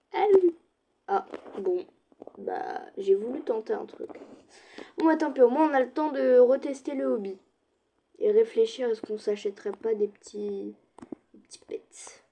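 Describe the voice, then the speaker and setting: Slow, gravelly woman gaming. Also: mid-range voice, muffled recording, slight background noise. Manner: chatty, addresses viewers directly, slips into soft asides. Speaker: gaming streamer. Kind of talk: casual let's-play commentary.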